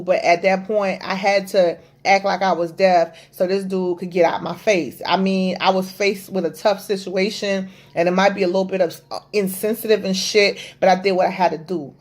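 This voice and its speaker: Blunt, profane young woman telling a story. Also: mid-range voice. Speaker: podcast host.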